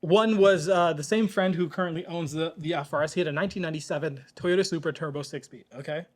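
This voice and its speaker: High-voiced man hosting a casual podcast. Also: quick pace. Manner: animated, joking, tells stories with put-on voices. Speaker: podcast host. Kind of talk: casual chat, storytelling.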